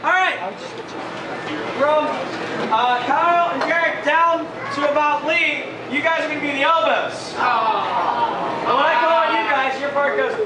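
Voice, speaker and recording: A young man, a camp staff song leader, loudly shouting instructions and chants to a group in a restaurant. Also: very high voice, measured pace, pauses often, a crowd in the background, noisy background. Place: large indoor restaurant, crowded. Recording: echoey restaurant, far from the mic.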